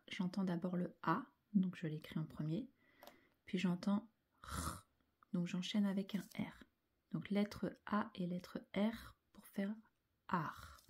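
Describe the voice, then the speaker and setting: Slow patient lady teacher spelling out letters for little kids, kinda husky, goes half-whispery a lot. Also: fairly low pitch, a little mellow. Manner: slow, careful, sounds out each letter and syllable. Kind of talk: handwriting lesson for young children.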